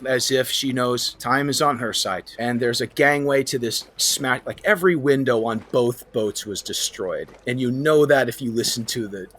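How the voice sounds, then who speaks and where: A man's voice: medium pitch, moderate pace, hardly any pauses, fairly bright tone. A man running a tabletop role-play podcast as game master, narrating scenes vividly with repetition for effect.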